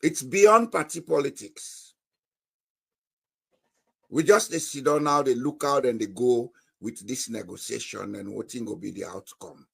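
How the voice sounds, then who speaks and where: A man with a Sierra Leonean accent and a gravelly, raspy voice gives his views as a panelist in an informal political discussion. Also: mid-range voice, a little slow, a bit bright. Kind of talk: informal political talk in Krio mixed with English.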